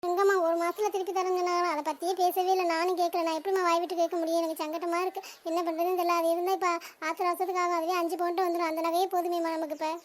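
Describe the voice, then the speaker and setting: Cartoon, woman voicing anxious mother, squeaky sped-up voice, rapid. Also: little pitch movement. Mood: worried. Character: worried middle-aged mother and relatives, female. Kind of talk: cartoon family drama.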